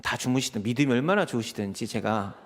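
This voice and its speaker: A man with a medium-pitched voice preaches at a quick pace as an associate pastor. His sermon is conversational and packed with personal anecdotes, told in an animated way as he acts out quoted exchanges.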